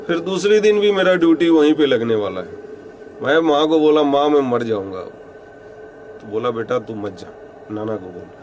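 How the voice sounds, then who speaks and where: A man tells a ghost story in the first person, in a rustic, halting style. His voice sits at an ordinary pitch and often sinks to a hushed murmur. A faint hiss runs under the recording. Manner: rustic storytelling, many pauses, some quoted lines spoken low and hushed.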